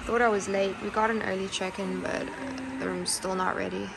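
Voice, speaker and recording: A young woman in her twenties talking casually to her viewers in an excitable, chatty travel vlog, full of "like" and "guys". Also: mid-range voice, fairly quick, gravelly, very noisy. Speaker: vlogger.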